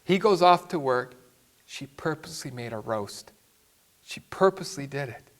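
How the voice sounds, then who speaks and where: A man's voice: mid-range voice, lively intonation, moderate pace. A man, a priest, telling a story in a sermon with an emphatic way of speaking.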